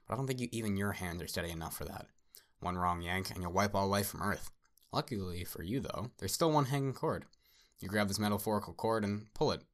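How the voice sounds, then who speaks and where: A man voicing a manic, theatrical male artist villain who fawns over his guest, loud and sing-song with big jumps upward. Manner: obsequious, repeats "sir", swings loud and high. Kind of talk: dramatic story reading.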